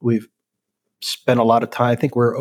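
An older man from El Salvador, a company president talking as a guest in a relaxed, rambling way with many ums and restarts. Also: mid-range voice, normal speed. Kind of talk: casual interview chat.

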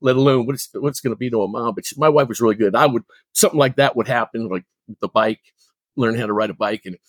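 A man's voice: medium pitch, fast talker, dry recording. A middle-aged man speaks as a guest coach, his voice in the middle of the male range. He talks earnestly and drives his points home by repeating them. The sound is dry and close. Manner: earnest, emphatic, repeating for weight. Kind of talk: interview storytelling.

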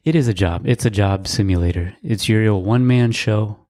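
A man co-hosting a casual podcast, his voice sitting on the low side. He talks in a laid-back, dry, rambling way, with plenty of fillers. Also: normal speed, darkish tone. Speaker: podcast co-host. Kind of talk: casual chat.

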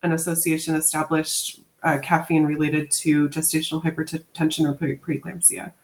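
A woman's voice: sits low, level tone, normal speed. A woman co-hosting a podcast, explaining a research study in a casual chat with many fillers and restarts. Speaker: podcast co-host.

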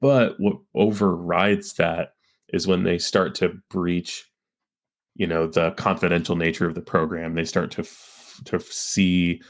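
A man co-hosting a podcast, discussing a film in a halting way, often stumbling and repeating words. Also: low voice, little pitch movement. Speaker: podcast co-host.

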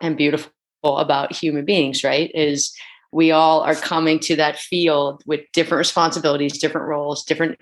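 A woman's voice: low voice, level tone, brisk. A woman who used to be a basketball head coach, speaking as a podcast guest in a thoughtful, reflective way and often checking in with "right?". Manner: thoughtful, adds "right?" after her points. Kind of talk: reflective interview talk.

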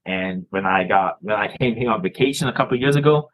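A man's voice: on the low side, fast, fairly bright tone, poor audio. A man from Canada, a filmmaker guest chatting casually in an interview, rambling and often restarting his words.

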